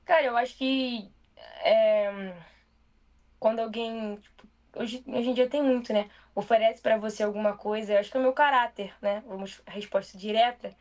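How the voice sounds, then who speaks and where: A young woman with a Brazilian accent talks about her work as a journalist in a relaxed interview. She speaks quickly and casually, full of fillers, in a slightly high voice. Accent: Brazilian Portuguese. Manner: fast, casual talker with many fillers. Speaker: journalist guest.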